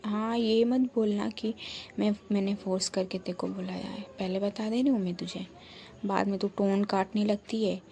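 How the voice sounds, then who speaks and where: Woman playing a young student girl, stubborn, insistent, mellow tone; storybook read. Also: mid-range voice, fairly even intonation, moderate pace, gravelly, lightly acted. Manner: insistent, brushes off concern.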